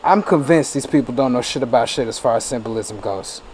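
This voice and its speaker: A man's voice: mid-range voice, brisk, darkish tone, slight background noise. A man ranting profanely in casual let's-play commentary as a gaming streamer. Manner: profane, ranting, laughing asides.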